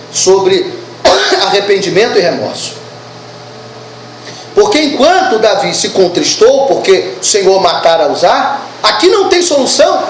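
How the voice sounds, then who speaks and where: A woman preaching a sermon at a church service, animated and asking the congregation questions. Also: a little high, roomy sound, a little hiss or hum, poor audio.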